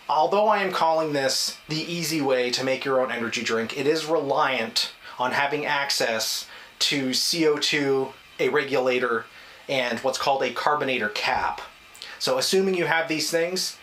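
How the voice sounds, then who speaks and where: A man hosts a casual vlog from a small bathroom, speaking in a mid-pitched voice. His manner is wry and self-deprecating, with mild sarcasm. There is some faint noise behind him. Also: pushed and bright, echoey room. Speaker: video host. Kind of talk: casual vlog talk to camera.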